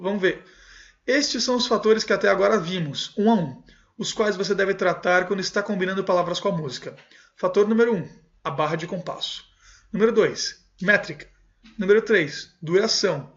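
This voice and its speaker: A man with a fairly high voice teaches a music lesson. He reads textbook passages aloud and then explains each one in a relaxed, conversational way. The recording sounds dull and lo-fi.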